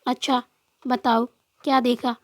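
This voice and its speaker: A woman voicing a calm young male officer who soothes and gently teases in a storybook love tale. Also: on the high side, measured pace, no echo, studio quality, close to an everyday voice. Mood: soothing. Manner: soft, reassuring, lightly joking. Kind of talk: storybook narration with voiced dialogue.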